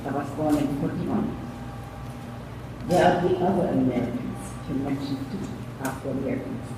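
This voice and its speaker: Older woman, emphatic, in an echoey hall. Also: a bass voice. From Germany. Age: 70s. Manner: emphatic, halting, broken phrasing. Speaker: audience member asking a question. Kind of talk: impassioned public comment. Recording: echoey hall from far off with noise.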